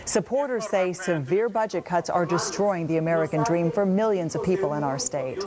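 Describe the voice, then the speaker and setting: Female reporter, lower register, scripted news package, crowd in background. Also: normal speed.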